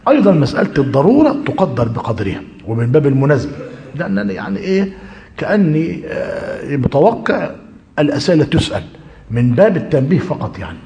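A man's voice: on the high side, sing-song, fast talker, dark tone, in a large hall. A man with an Egyptian accent teaching a religious lesson, switching between formal classical phrasing and colloquial talk and checking in with his listeners. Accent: Egyptian Arabic.

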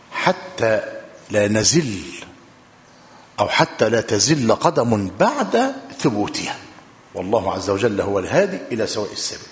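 A man with an Egyptian accent teaching a hadith lesson, reading texts aloud in a measured way and explaining them with colloquial asides. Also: medium pitch, a little hiss or hum. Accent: Egyptian Arabic. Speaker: religious teacher. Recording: echoey hall with long reverb.

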